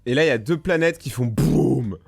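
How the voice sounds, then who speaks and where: A young man joking his way through casual reaction commentary, excitable and hopping from one topic to the next. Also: mid-range voice, moderate pace, vocal fry, breathy edge, soft background music. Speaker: YouTuber reacting to videos.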